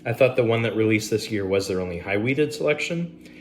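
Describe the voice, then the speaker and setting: Low-voiced man reviewing bourbon casually. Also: fairly quick, slight background noise. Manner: relaxed, rambling, many fillers and asides.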